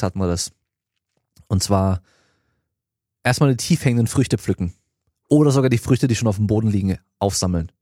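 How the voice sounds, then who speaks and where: A man in his early thirties talks casually on his podcast, answering listener questions about training in a direct, slangy way. His voice sits at an ordinary middle pitch, and the recording is close and dry. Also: darkish tone, no echo. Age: 30s. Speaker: podcast host and strength coach.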